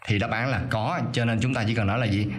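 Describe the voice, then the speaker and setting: A male teacher doing a voice-over for a lesson: he reads English sentences slowly and carefully, then explains them quickly. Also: fairly low pitch, steady tone. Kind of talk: explaining an English reading exercise.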